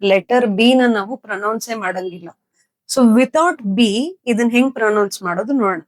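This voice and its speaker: A young woman teaching spoken English with a Kannada-accented Indian English, explaining slowly and repeating word lists for practice. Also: mid-range voice, no room sound, poor audio. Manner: slow, deliberate explaining, repeating words for practice.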